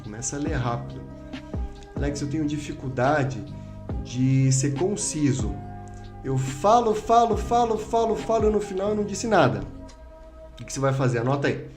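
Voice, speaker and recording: Male speaking coach, raised pitch, instructive podcast delivery, echoey room. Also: a little mellow. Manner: didactic, acts out students' complaints. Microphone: studio microphone.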